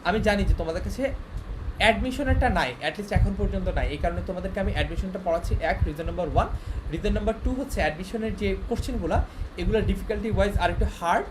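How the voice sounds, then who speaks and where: A young man gives an online class lecture at a rapid-fire pace in a high voice, with a noisy background. He explains things step by step and often checks that his students are following.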